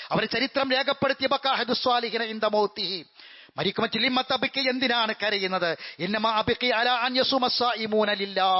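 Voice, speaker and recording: A man with a high, ringing voice delivers a fervent Friday sermon in a mosque. He repeats key phrases for emphasis and slips into chanted Arabic verses. The recording sounds dull and lo-fi. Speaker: Friday preacher.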